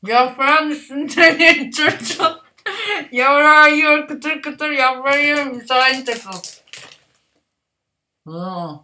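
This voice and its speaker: A woman's voice: sits high, steady tone, slow, bright, forceful tone, a little hiss or hum. A young woman reciting a tongue twister with her cheeks stuffed full, muffled and slurred, at home on a webcam. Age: young adult. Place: small room at home.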